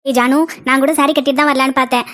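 A woman's voice: high-pitched, little pitch movement, very fast, fairly bright tone. A woman voicing a chatty young female college friend in a cartoon, talking in breezy chatter. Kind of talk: cartoon voice acting.

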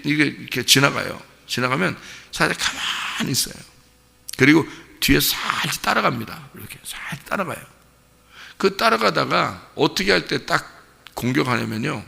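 A middle-aged male pastor giving a dawn service sermon in a church sanctuary, animated and vivid, often putting direct questions to the congregation. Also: a little high, gravelly. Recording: long church reverb.

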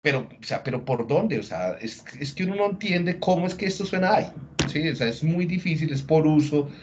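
A man giving a class lecture, explaining step by step, often pausing to check in with his listeners and rephrasing himself as he goes. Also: fairly high pitch, animated, darkish tone, a little hiss or hum. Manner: restarts and rephrases mid-sentence. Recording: dull lo-fi audio.

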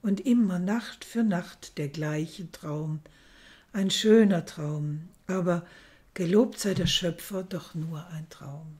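A woman's voice: on the low side, takes it slowly. A woman reading a sorrowful young woman in love, in a whispered role-play. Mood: wistful. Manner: soft and hushed.

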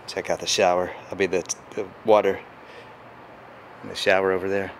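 Awed low-voiced man touring. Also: little pitch movement, normal speed, a little hiss or hum. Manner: awed, hushed, thinking aloud. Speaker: travel vlogger. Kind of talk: walking tour narration. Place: empty hotel suite, indoors.

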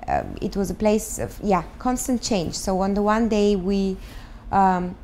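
A woman in her thirties with a Bulgarian accent, a start-up founder, answers interview questions from a sofa in a living room. Her mid-range, darkish voice moves a little slowly, and she sounds thoughtful, searching for words and using many fillers. Slight background noise is present.

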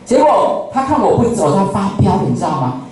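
Man, Taiwanese Mandarin accent, motivational speaker, animated storytelling, high voice, echoey hall, heard from afar. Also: brisk, distant mic, soft background music. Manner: animated, keeps asking the audience questions. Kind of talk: lively storytelling lecture. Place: company lecture room.

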